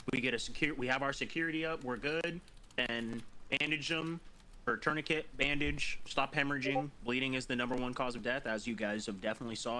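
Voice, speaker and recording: A man's voice: mid-range voice, sharp tone. A man training medics in a game group over voice chat, rambling, swearing and correcting himself, tired and eating while he talks. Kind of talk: casual voice chat instruction.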